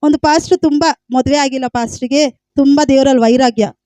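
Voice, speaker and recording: A woman's voice: high voice, brisk, warm tone, no room sound. A woman preaching a sermon with a Kannada accent, emphatic, repeating phrases and calling out hallelujah.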